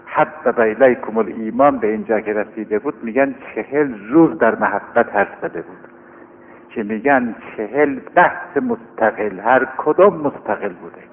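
A man preaching in an earnest, pleading, conversational way, slowing right down to recite scripture. His voice sits in an ordinary middle register. It comes through a thin, phone-like old recording with a long hall echo and a faint hum underneath. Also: mid-range voice, expressive. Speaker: cleric preaching to young seminary students. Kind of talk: informal sermon.

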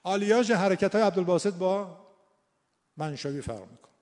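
A man from Iran with a slightly high voice gives an informal lesson on recitation. He thinks out loud and repeats his key words to drive them home. His voice rings with a long hall reverb. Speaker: Quran recitation teacher. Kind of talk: informal teaching talk.

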